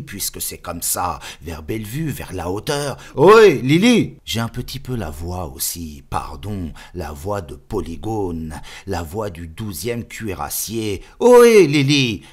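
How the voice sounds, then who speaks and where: A man giving an expressive, dramatic audiobook reading of a novel. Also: low voice, breathy edge. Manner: expressive, spoken cadence. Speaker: audiobook reader.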